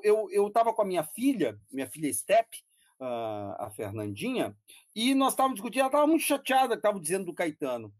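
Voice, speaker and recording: A man's voice: a little high, no echo, clean studio sound. A middle-aged Brazilian man, a philosophy professor, talking casually in long digressions, laughing and swearing now and then. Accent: Brazilian Portuguese. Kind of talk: casual conversational talk.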